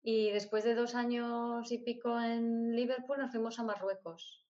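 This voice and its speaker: A middle-aged woman, born in Spain and raised moving between countries, tells personal stories as an interview guest, using short phrases she often repeats for emphasis. Her voice is a little high, steady, and warm, and she speaks a little slowly. The audio is dull and lo-fi.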